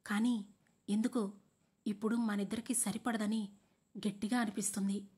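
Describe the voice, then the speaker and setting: A woman's voice: medium pitch, level tone, normal speed, a little mellow, breathy edge, natural voice. A woman voicing a young man calling off his engagement, hesitant but firm. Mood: tense. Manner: hesitant, firm under pressure.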